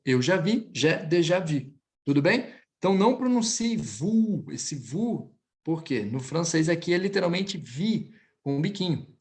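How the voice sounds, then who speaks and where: A man with a Brazilian accent teaching French, stretching out each model phrase slowly before explaining it quickly. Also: high voice. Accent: Brazilian Portuguese. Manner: slow, drawn-out model pronunciation between quick explanations. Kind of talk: online language lesson.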